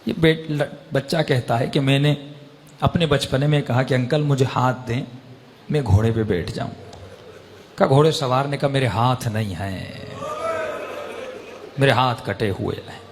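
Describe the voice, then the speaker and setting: In an emotional storytelling sermon, a male preacher grows impassioned and rises to raised, pleading peaks. His medium-pitched voice carries long pauses, and the recording has long hall reverb plus a little hiss or hum.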